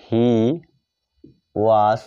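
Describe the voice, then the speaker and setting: In a monotone, very slow delivery, a man with a Bengali accent teaches a grammar class, spelling words and repeating phrases as he writes out examples. His voice is on the low side with a clean tone. The recording is dull and lo-fi, with no echo.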